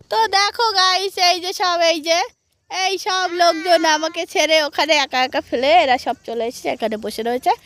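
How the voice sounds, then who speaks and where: Hoarse woman vlogger, high-pitched, playful mock-complaining, filmed outdoors on a phone. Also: a little hiss or hum. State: hoarse from a cold. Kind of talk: casual vlog chat to viewers. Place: outdoors in open farm fields.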